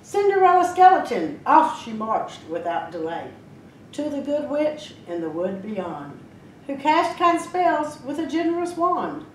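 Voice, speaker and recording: A woman librarian reads a rhyming storybook aloud, slowly and expressively, her fairly high voice swinging up and down. She is heard from a little way off in a roomy library space, with a faint rumble behind. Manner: lively, expressive reading with slips and restarts. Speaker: children's librarian. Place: library room. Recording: roomy echo, mic at a distance, faint rumble.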